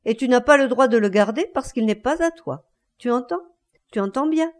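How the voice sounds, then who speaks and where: A woman's voice: fairly high pitch, animated, normal speed, pitched above the performer's own voice, natural voice. A woman voicing a defiant, scornful unfaithful wife with a cold, taunting delivery.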